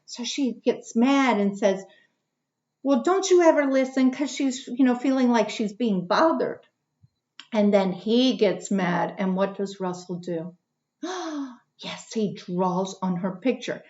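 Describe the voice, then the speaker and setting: A woman's voice: medium pitch, measured pace. A woman teaching a lesson to young children, reading a picture book aloud and asking questions she answers herself. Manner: animated, asks questions and answers them herself. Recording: dull lo-fi recording.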